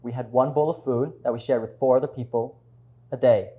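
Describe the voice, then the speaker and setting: A man playing both parts in a one-man show, here as a refugee father gravely recounting his survival in a measured stage monologue. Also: medium pitch, steady tone, phone-quality sound, close to an everyday voice. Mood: grave, somber.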